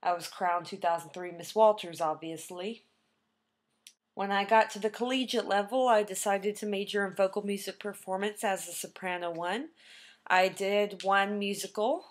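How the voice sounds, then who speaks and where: Speaking at normal speed with a mid-range voice and fairly even intonation, a young woman chats to her webcam about her background as a trained singer. She rambles, filling it with ums and restarts.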